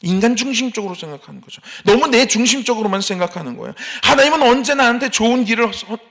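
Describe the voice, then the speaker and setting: High-voiced, gravelly male pastor preaching. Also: expressive, quick pace, fairly bright tone. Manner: preaching with rising emphasis and acted complaints. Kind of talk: sermon. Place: church sanctuary.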